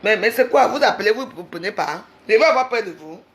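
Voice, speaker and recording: A woman's voice: medium pitch, animated, quick pace. A woman in a heated livestream rant, confrontational and repeating herself insistently. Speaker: social media livestreamer.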